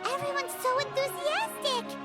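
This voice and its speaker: A woman voicing a tiny childlike fairy companion in a video game, chirpy, excitable and bossy. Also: very high-pitched, moderate pace. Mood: cheerful wonder. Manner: chirpy, exclamatory. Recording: loud game music behind.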